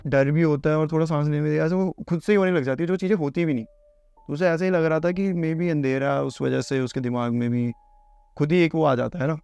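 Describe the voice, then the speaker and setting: A man's voice: a little high, fairly quick, gravelly, darkish tone, clear, resonant tone, no echo, muffled recording. A man casually narrating a horror storytime, chatty and conversational, calling the listener bhai.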